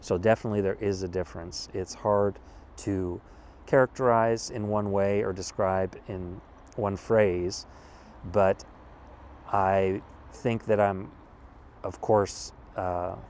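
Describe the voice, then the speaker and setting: Recorded outdoors in a wooded part of a city, this Californian vlogger speaks in a deep, slightly mellow American voice over a faint hiss or hum. His casual musings come out thoughtful and measured, broken by pauses and restarts.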